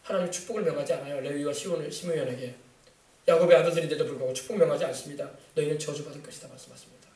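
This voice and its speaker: A man preaches with quick, urgent emphasis, prodding his listeners with rhetorical questions. His voice sits high for a man and rings through an echoey sanctuary. He is heard from some distance from the mic. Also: darkish tone. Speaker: pastor. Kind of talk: sermon. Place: church sanctuary. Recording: echoey church from far off.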